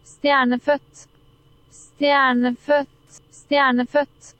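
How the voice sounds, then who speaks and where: Brief: female text-to-speech robot voice, high, flat and slow. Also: no room sound, exaggerated voice, rough recording. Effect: synthetic voice.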